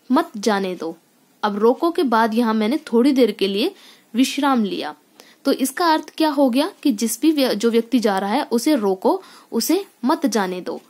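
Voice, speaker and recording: A woman teacher addressing children in a grammar lesson, explaining slowly and repeating her points, with hesitant fillers. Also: fairly high pitch, a little mellow.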